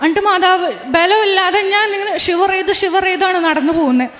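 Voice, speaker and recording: Young woman, very high voice, earnest religious testimony, frequent restarts, long hall reverb. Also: fairly quick, a bit bright. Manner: earnest, retelling events with many restarts. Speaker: testimony giver.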